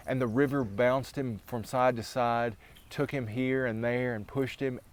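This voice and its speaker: A man tells a legend in a loose, spoken style, with a voice of middling pitch. He builds drama through repeated phrases, then backs up and restarts his sentences casually. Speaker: storyteller. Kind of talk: oral storytelling of a legend.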